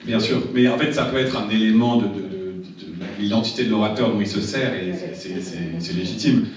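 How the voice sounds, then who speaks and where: A man with a lowish voice gives a public-speaking lesson to a seminar audience, often restarting and repeating words as he goes. He is picked up by a distant mic in a very echoey room, and the sound is dull and lo-fi. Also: a little fast. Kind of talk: seminar talk to a live audience.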